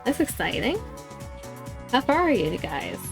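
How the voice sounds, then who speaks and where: Female VTuber streamer, cute and bubbly, very lively intonation, chatting live over game music. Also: a little high, unhurried, creaky. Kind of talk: live game stream chat, greeting viewers. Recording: music in the background.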